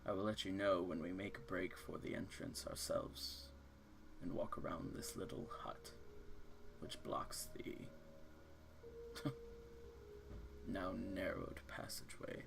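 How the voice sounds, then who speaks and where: A man with a low, gravelly voice runs a tabletop game. He builds each scene slowly, with careful description. His voice has a rough, fried texture throughout. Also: noisy background. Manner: slow, descriptive scene-setting. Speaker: game master.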